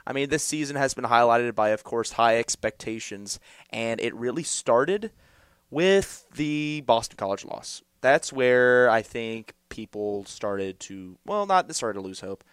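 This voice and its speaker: Rambling young sports co-host. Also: male voice, medium pitch, unhurried, smooth, dry recording, studio quality. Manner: rambling, animated, with fillers and restarts. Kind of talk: college sports podcast chat.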